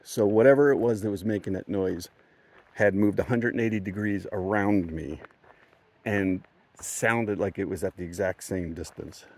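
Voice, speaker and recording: A man with a fairly low voice tells a story outdoors on a mountain trail for his hiking vlog. He rambles, chuckles often and restarts his sentences as he talks. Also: fairly even intonation, normal speed, a little mellow, slight background noise. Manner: rambling, chuckling, self-correcting. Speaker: thru-hiker vlogger.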